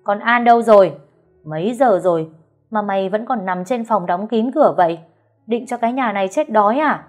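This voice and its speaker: A woman voicing a harsh older mother-in-law who shouts and berates her daughter-in-law, with soft music underneath. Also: medium pitch, normal speed, pitched above the performer's own voice, close to an everyday voice. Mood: scolding, shrill.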